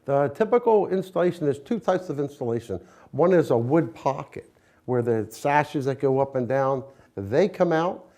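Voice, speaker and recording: Man, American accent, soft mellow tone, folksy plain-spoken business owner, explaining and promoting in an interview. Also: medium pitch, lively intonation, normal speed. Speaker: window company owner, interviewee.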